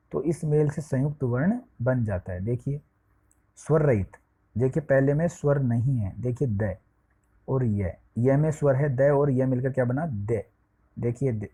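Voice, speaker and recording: A man's voice: medium pitch, a little slow, warm tone, slightly rough. A man teaching a Sanskrit lesson to eighth-grade students, explaining step by step, spelling out letters one at a time and often checking in with the class. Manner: often checks with "ठीक है" and "देखिए".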